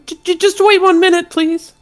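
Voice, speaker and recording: Man doing a tiny high-pitched pixie-like shopkeeper. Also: level tone, normal speed, fairly bright tone, dry recording, faint music behind. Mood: flustered, polite. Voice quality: little, thin, high falsetto voice. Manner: pixie-like, hesitant and polite. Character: small timid polite female pixie-like shopkeeper seamstress.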